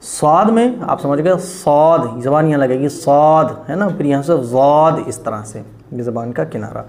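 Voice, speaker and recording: Patient male Quran teacher, slightly high voice. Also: darkish tone. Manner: slow, drawn-out demonstration of letter sounds; patient, repeats each sound and asks if it is clear. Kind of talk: pronunciation lesson.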